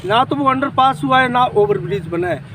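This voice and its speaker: A local news reporter pressing a politician with direct questions and reporting live from a farmers' protest site outdoors. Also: male voice, extremely high pitch, moderate pace. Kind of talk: street interview and on-the-spot report. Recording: busy street crowd and noise.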